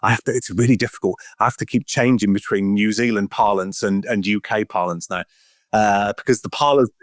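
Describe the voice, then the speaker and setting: A man's voice: on the low side, a little fast, no echo, studio quality. A middle-aged man from Wales, a veterinary professor talking in a casual podcast interview, earnest and often repeating words as he thinks.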